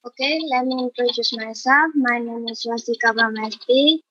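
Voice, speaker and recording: A woman's voice: fairly high pitch, fairly even intonation, normal speed, pushed and bright, no room sound, lo-fi sound. A young woman from Indonesia, a student participant, speaking hesitantly and searching for her words.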